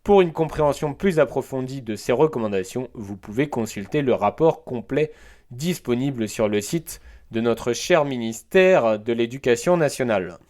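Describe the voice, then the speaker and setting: A man talks alone on his educational podcast, reading from prepared notes. He breaks off now and then with hesitant asides and fillers. His voice sits in a middle pitch. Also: lively intonation, moderate pace, darkish tone. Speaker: teacher and podcast host. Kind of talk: solo educational podcast monologue.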